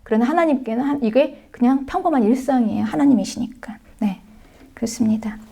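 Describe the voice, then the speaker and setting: A woman's voice: a little high, a little fast, gravelly, breathy edge. A woman pastor preaching a sermon, retelling scripture as a story, often slipping in short affirmations and sometimes dropping to a near-whisper. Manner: animated storytelling, acting out scripture voices; frequent affirming asides and soft drops to near-whisper.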